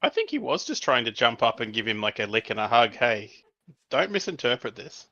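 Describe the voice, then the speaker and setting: A man's voice: medium pitch, wildly swooping pitch, fast talker, pushed and bright, no room sound. A man playing in a tabletop role-playing game, joking around and hesitating with many ums. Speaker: player. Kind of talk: casual banter at a tabletop game. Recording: dull lo-fi call audio.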